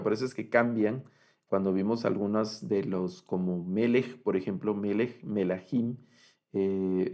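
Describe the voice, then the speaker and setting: A man gives a recorded lecture on Hebrew grammar. His voice sits on the low side with a gravelly edge. He explains patiently, pausing on fillers and repeating each word slowly. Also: darkish tone. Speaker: Biblical Hebrew teacher.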